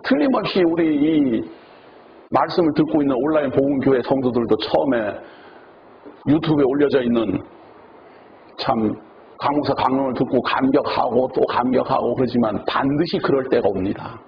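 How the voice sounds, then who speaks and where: A man's voice: mid-range voice, normal speed. A man preaching a sermon as pastor, acting out the words of the people he quotes. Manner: animated, acts out quoted speech. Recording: dull, noisy lo-fi recording.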